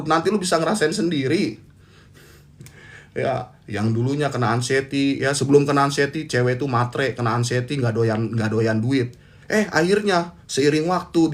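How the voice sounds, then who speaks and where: A man hosting a motivational monologue about anxiety, blunt and teasing, using casual slang and hammering points home by repetition. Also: on the high side. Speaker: host giving talks on anxiety.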